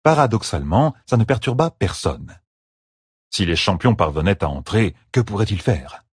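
A man narrating an audiobook in an even, measured storytelling voice on a close studio mic. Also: lowish voice, breathy edge, dry recording. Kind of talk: scripted narration.

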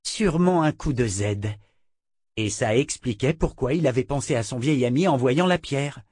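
A man's voice: mid-range voice, lively intonation, moderate pace, darkish tone, dry recording. Man narrating an audiobook, dry sound. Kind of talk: scripted narration. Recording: dry close recording.

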